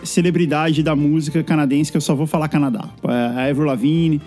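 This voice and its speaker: A Brazilian man in his thirties, a guest musician telling stories in a lively, filler-heavy casual chat. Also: fairly high pitch, brisk, soft background music. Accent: Brazilian Portuguese. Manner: animated storyteller, many fillers.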